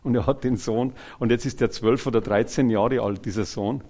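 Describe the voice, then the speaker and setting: Man preaching a lively sermon. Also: mid-range voice, normal speed. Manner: animated, swings between loud and soft, chuckles; addresses listeners directly.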